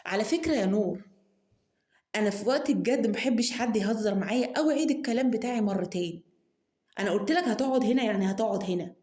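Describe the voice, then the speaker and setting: A woman's voice: medium pitch, expressive, fast, mellow, roomy sound, lightly acted. A woman with an Egyptian accent voicing a proud, bossy young male businessman who scolds himself under his breath. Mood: stern, commanding. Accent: Egyptian Arabic. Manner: self-scolding muttering, sudden mutters under breath.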